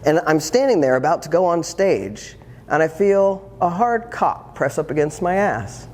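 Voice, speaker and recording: With a rather high, darkish voice that swings widely in pitch, a transformational coach in his fifties recounts his own story at a measured pace. He balances earnest reflection and wry humor for his audience, and the clip has a long hall reverb with faint background ambience.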